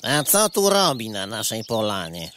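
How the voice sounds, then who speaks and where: A man playing a courteous, homely rustic snail in a comic radio play, rambling along in a folksy, unhurried way. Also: on the low side, very animated, fairly bright tone, a little hiss or hum. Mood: obliging.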